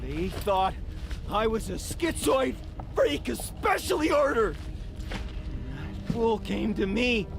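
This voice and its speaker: A defiant, paranoid captive in a video game. His voice is high and creaky, with a drawn-out, ranting, sardonic delivery. Music plays clearly behind him. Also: sing-song, heavily acted. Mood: bitter vindication.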